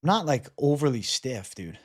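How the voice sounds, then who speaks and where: A man in his twenties chats off the cuff as a livestream host. His voice sits at an average pitch, and his talk is loose, slangy and peppered with swearing as he answers viewers. The sound is dry, with little room in it. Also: sing-song, normal speed, breathy edge, no room sound. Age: 20s. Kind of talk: casual livestream chat, reading and answering viewer comments.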